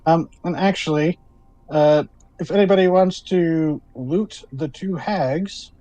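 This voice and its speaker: A man's voice: fairly high pitch, slow, warm tone, dry recording. Male game master narrating a tabletop session.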